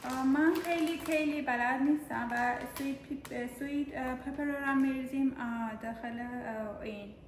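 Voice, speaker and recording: Woman from iran vlogging on her phone, kinda high voice, chatty, roomy echo and lots of noise behind. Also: fairly even intonation, few pauses. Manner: chatty, talks while showing items around home and store. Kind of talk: casual chat. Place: home and large store, indoors. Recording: echoey room with clear background noise.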